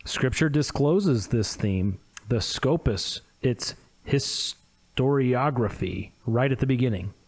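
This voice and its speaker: A man's voice: medium pitch, expressive, slow, darkish tone. A man with a Midwestern accent co-hosting a theology discussion podcast and reading quotations aloud with small asides. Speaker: podcast co-host.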